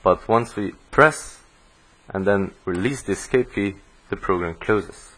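Slow, low-voiced man explaining code. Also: fairly bright tone. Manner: slow, step-by-step explaining while typing code. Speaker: programming course instructor. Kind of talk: screen-recorded coding tutorial. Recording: low-quality audio.

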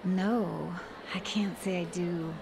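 A woman's voice: on the low side, steady tone, takes it slowly, creaky, a crowd in the background, noisy background. An actress playing a helpful, polite young female café worker in a video game dub. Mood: helpful, sympathetic. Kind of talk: English game dub acting.

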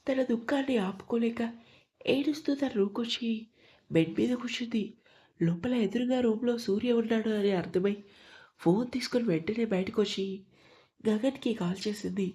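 A woman narrating an audio drama story in a steady storytelling voice. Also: fairly high pitch, moderate pace.

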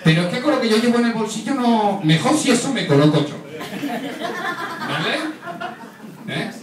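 List: male stand-up comic, higher-pitched voice, joking, tag questions, roomy distant sound. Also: lively intonation, moderate pace, background noise. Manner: chatty, teasing the crowd with tag questions. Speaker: stand-up comedian. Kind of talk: stand-up comedy monologue. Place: comedy stage with a live audience. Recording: roomy, distant mic, audience laughter.

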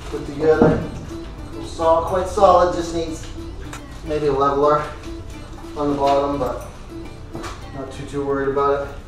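A man in his thirties casually explaining his woodworking build in a home garage workshop, halting with many ums and uhs. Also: medium pitch. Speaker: woodworking vlogger. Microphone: far camera. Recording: echoey garage, voice from far off, music behind.

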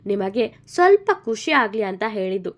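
A woman's voice: mid-range voice, very animated, moderate pace. A woman voicing a cheeky, joking young man, the hero's loyal friend, in a told story. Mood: hurt.

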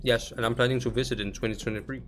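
A man's voice: medium pitch, steady tone, very fast, a bit bright, faint music behind. A man hosting a gaming session, chatting casually, laughing often and trash-talking other players. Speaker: gaming channel host.

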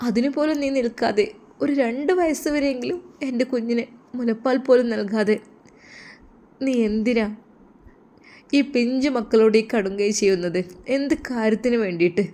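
A woman's voice: on the high side, moderate pace, dark tone, natural voice. A woman voicing a tearful grieving father. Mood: reproachful. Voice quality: sorrowful, pleading. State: crying. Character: grieving adult man, abandoned father, tearful. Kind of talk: storybook narration.

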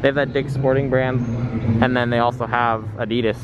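A man's voice: medium pitch, little pitch movement, fairly quick. A young man chatting easygoingly with lots of fillers, filming a casual vlog on a handheld camera. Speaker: vlogger. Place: large store, then outdoors at night, then a home kitchen. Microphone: handheld camera at arm's length. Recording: background noise.

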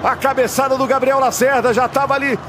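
A man giving live football match commentary in an excited, emphatic manner. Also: very high voice, a little fast. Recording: broadcast over very loud stadium crowd noise. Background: loud stadium crowd.

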